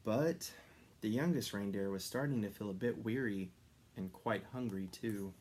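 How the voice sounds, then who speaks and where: A man reading a children's story aloud expressively, with dramatic pauses and stressed descriptive words. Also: lowish voice, a little mellow, a little hiss or hum. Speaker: story reader.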